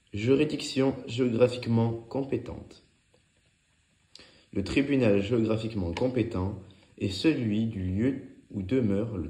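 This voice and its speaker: A man with a lowish, slightly mellow voice narrates a law revision lesson, reading scripted study notes in a clipped, didactic, point-by-point way. The recording sounds echoey and roomy.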